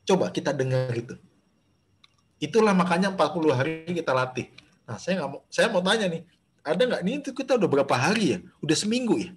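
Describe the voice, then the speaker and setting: A pastor teaches a Bible study over a video call, speaking directly to the group in a slightly high voice. He talks loosely and conversationally, with fillers and restarts. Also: lively intonation, quick pace, slight background noise. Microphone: video call microphone.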